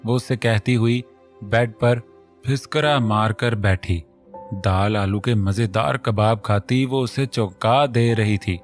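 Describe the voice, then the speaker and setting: A man narrating a romance novel in a steady storytelling manner. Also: fairly low pitch. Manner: steady storytelling, reads all the voices.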